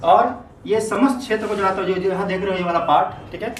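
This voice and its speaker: Male teacher, high voice, classroom lecture, keeps checking the class follows, recorded from a distance. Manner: keeps checking understanding with quick questions; repeats key terms for emphasis. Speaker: history teacher. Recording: echoey room, mic at a distance, faint noise.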